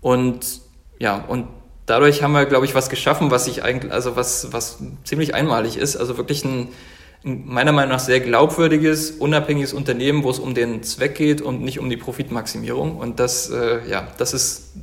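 A man's voice: mid-range voice, fairly even intonation, fairly quick. A man in his thirties from Germany, a company founder talking earnestly as an interview guest, with many fillers and restarts. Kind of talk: casual interview talk.

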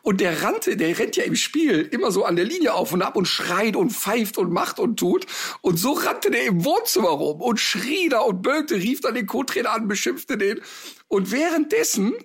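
A man's voice: high voice, very animated, normal speed, a bit bright, slightly rough. A man, a dog trainer talking in a casual podcast chat, telling stories animatedly with rambling asides.

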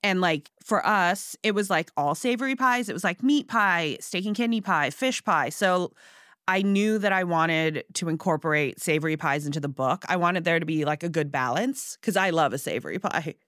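Chatty woman guest, low dry voice. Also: normal speed, a bit bright, no room sound. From Singapore and Hong Kong. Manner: chatty, frequent fillers, laughs easily. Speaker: guest, pie baker. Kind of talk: casual interview chat.

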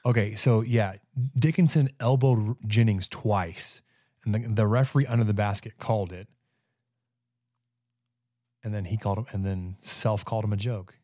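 A man of thirty-five co-hosting a sports podcast, telling stories in casual chat with quick stammering restarts. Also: fairly low pitch, no room sound, studio quality. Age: 30s. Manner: animated storyteller, stammering restarts. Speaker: podcast co-host.

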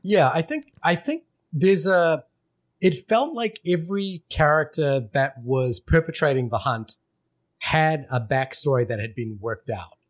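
A man's voice: a little high, animated, a little slow. A man from Fiji, a podcast co-host, talking through a film in casual, rambling chat full of restarts and fillers.

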